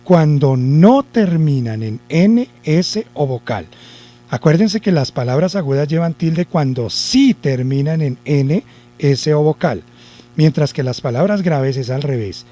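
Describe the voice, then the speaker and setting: A male teacher giving a spelling lesson to children, deliberate, repeating the rules and asking himself questions. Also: on the high side, animated, warm tone.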